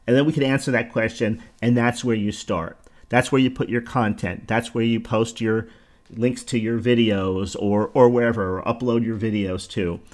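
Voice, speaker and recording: A man's voice: mid-range voice, steady tone, moderate pace, a little mellow. A middle-aged man from New Jersey with a New Jersey accent, hosting a solo podcast in a conversational, rambling way with self-corrections and asides. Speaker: podcast host.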